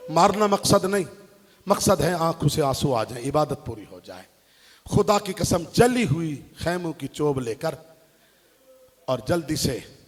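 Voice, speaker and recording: A man preaching an emotional religious sermon, moving between hushed mourning and impassioned shouting. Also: a little high, breathy edge. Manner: impassioned, swings from hushed grief to shouted declaiming. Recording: long hall reverb.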